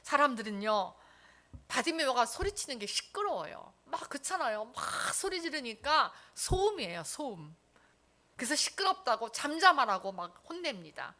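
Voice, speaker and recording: Woman pastor, Sunday sermon, animated storyteller, slightly high voice with lots of melodic movement. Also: normal speed. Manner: animated storytelling, speaks to the congregation; acts out the crowd's lines in quotes.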